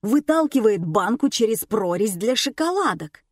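A woman voicing a rude, loud, gruff middle-aged Parisian man in an audiobook. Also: medium pitch, big pitch swings, moderate pace, no echo, studio quality. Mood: angry. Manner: gruff, blustering.

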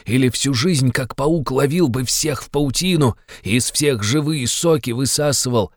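A man's voice: medium pitch, normal speed, no echo, studio quality, pitched above the performer's own voice, lightly acted. A man reading an audiobook, playing a tormented young man who confesses in a brooding, agitated way. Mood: feverish confession. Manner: brooding, agitated, bitterly insistent.

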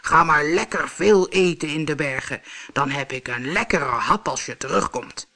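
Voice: medium pitch, normal speed, bright, forceful tone. A narrator voicing a hungry green one-eyed monster under a bridge, growling and bellowing in a storybook reading. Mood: menacing.

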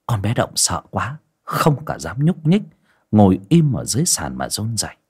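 A man tells a village ghost story in a low, husky voice. His delivery is dramatic, with wide, animated swings of pitch. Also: moderate pace. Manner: expressive, dramatic.

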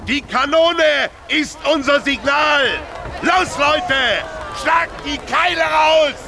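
An actor playing a commanding foreman calling orders to a crew in a German audio drama, with a gravelly voice. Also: extremely high pitch, slow, crowd noise, background noise, exaggerated voice.

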